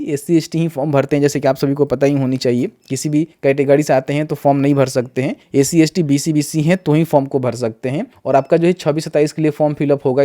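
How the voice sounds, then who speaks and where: A man's voice: fairly high pitch, dark tone, dry recording, clean studio sound. A young man hosting his own channel, explaining a scholarship portal step by step in a screen-share tutorial and checking in often with the viewer. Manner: explains step by step, often says "dekhiye" and "thik hai". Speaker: YouTube channel host.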